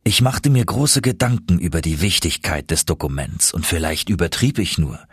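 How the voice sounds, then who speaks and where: A man reading first-person audiobook narration in a steady, measured storytelling manner. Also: sits low, husky, no room sound, clean studio sound.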